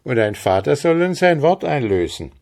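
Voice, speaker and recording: A man's voice: on the low side, unhurried, darkish tone. A man voicing a hearty, good-natured young farmer in a fairy-tale reading.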